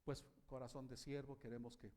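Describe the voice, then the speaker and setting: Man, pastor, church sermon, quizzes his listeners, lively. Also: mid-range voice, a little fast. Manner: animated, asks the congregation questions.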